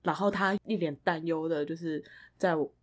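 Animated woman telling a story. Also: low-pitched, moderate pace. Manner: animated, laughs often while recounting. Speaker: podcast co-host. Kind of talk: casual storytelling chat.

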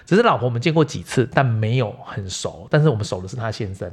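A man, hosting a podcast and telling lively stories from his massage practice. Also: medium pitch, fast, slightly rough. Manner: lively anecdotal storyteller. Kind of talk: casual storytelling chat.

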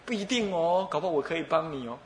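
A male preacher voicing a calm, kindly Buddha who reassures in a soft, gentle manner. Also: fairly high pitch, fast, roomy sound, lightly acted.

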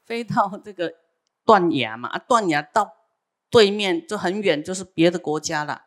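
A woman's voice: on the low side, animated, normal speed, natural voice. A woman voicing a jealous, angry king who scornfully challenges his rival. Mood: indignant.

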